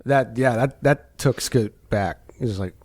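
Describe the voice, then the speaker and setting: A man's voice: mid-range voice, a little slow, darkish tone. A man chatting casually as a tabletop game player, moving in and out of character.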